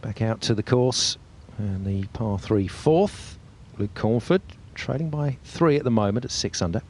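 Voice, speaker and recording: A man's voice: fairly low pitch, expressive, a little slow, darkish tone. A man working as a golf commentator, describing tournament play as it happens.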